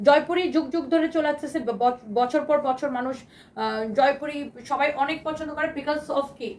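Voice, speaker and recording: A woman with a Bangladeshi Bengali accent, hosting a live shopping sale with an enthusiastic, repetitive pitch and English phrases mixed in; her voice is hoarse from shouting. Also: moderate pace, distant mic. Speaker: live-sale fashion seller.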